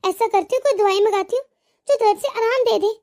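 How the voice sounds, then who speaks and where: A woman doing a kind cartoon daughter-in-law, gentle, reassuring, very high voice. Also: fast talker. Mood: caring. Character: kind elder daughter-in-law, caring and forgiving. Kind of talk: cartoon voice acting.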